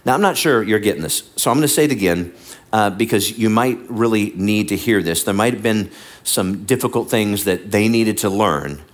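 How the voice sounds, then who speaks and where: A male pastor delivering a lively sermon, sometimes acting out the lines he quotes. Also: on the low side, normal speed. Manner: animated, acts out voices and quotes. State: bad back.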